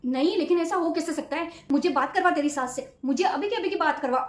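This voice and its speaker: A bossy middle-aged mother-in-law, played by a woman in a short comedy skit, scolding and commanding. The voice sits high for a woman and carries an echo from the room it was recorded in. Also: a little fast, close to an everyday voice. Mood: outraged. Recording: echoey room.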